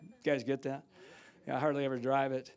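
An older man preaching a sermon in a church, telling stories and swinging from loud outbursts to hushed asides. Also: medium pitch, little pitch movement, a little fast. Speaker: guest preacher. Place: church sanctuary.

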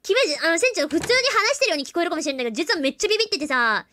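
Jittery, chatty high-pitched woman streamer. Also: big pitch swings, racing, sharp tone, a little hiss or hum. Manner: jittery, chatty, self-mocking. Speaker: streamer playing a horror game. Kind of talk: live game commentary.

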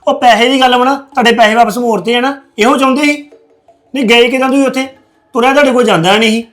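A man's voice: extremely high pitch, fairly even intonation, fast, a bit bright, soft background music. A man plays a grown son who insistently argues back at his mother. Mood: arguing. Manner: argumentative, insistent. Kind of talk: family web series acting.

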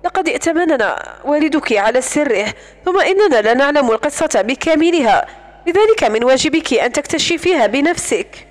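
Casting: a woman reading a calm, reasoning young man, slow and lower-pitched for the reader.

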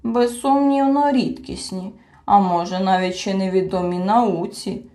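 A woman voicing a slow-witted, pedantic male creature who collects insects, muttering in a pompous way, with faint music behind. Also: medium pitch, dark tone, lightly acted. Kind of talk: audiobook character voice.

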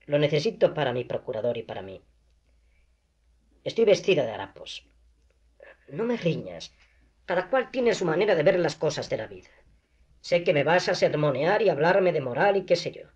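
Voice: medium pitch, darkish tone. A reader voicing a desperate, proud young woman in poverty, pleading and agitated, in an audiobook reading on a dull lo-fi recording.

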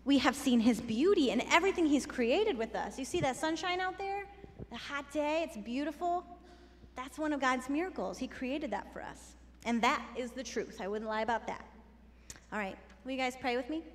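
A woman giving a children's sermon, playful and chatty as she talks straight to the kids. Her voice sits high and bright. It trails off in the long reverb of a church sanctuary. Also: lively intonation, normal speed, slight background noise. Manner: playful, conversational, talking to kids. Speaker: children's message leader.

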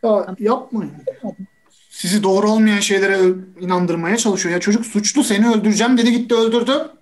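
A woman's voice: medium pitch, a little fast, darkish tone, lightly acted. A woman playing a stubborn juror who insists on guilt, speaking over a video call. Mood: insistent. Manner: dismissive, insistent.

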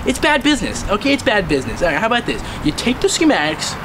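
A man's voice: high-pitched, sing-song, fast talker, noisy background. A man playing a boss in a comedy sketch, leaving a rambling, blustery voicemail and half laughing as he talks.

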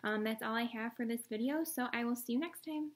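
A woman's voice: on the high side, fairly quick. Woman reading a picture book aloud. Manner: adds short friendly asides to viewers. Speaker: story reader.

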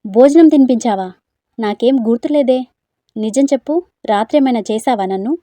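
Quarrelsome young woman, raised accusing voice, voiced by a female narrator, warm and dry. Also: on the high side, brisk, no room sound, natural voice.

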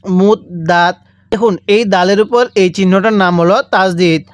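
Bangladeshi guy teaching quran reading, spells out every syllable slow and keeps going repeat after me, dry close sound. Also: high-pitched, steady tone, clean tone, no room sound. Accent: Bangladeshi Bengali. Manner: slow, repetitive drilling with call-and-repeat prompts. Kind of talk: spelling-out recitation lesson.

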